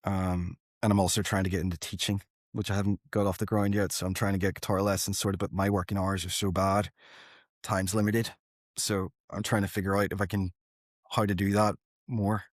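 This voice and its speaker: A rock band singer and guitarist in his thirties chats as an interview guest, earnest and informal, often rambling and breaking off phrases to restart. His low voice barely changes pitch and runs a little fast, recorded in a clean studio with no echo.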